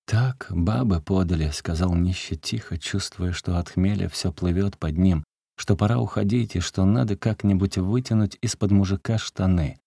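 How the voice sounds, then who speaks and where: A man narrating a literary story in a steady, measured way. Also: deep voice, vocal fry, dry recording, studio quality.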